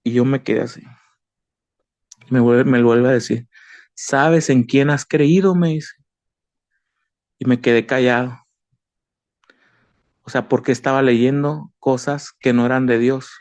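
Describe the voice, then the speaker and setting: A man's voice: medium pitch, little pitch movement, a little slow, pauses often, darkish tone, no echo. A man giving an emotional personal faith testimony, earnest and repetitive, calling the listener brother. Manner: earnest, repeats himself, addresses the listener as brother.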